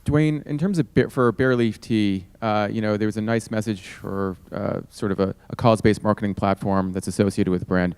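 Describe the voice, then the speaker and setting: A man with a low voice hosts a live judging panel. His sound is clean and dry, and he steers with questions to the panelists. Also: fairly even intonation, a little fast, hardly any pauses, a little mellow, clean tone, no echo. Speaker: host moderating a judging panel. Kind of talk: panel moderation at a live event.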